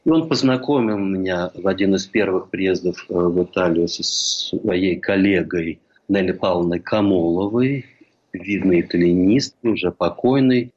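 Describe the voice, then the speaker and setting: An older man from St. Petersburg telling a measured, reflective memoir as a historian recalling a colleague. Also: deep voice, darkish tone. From Russia, St. Petersburg. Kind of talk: memoir lecture. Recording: dull lo-fi recording.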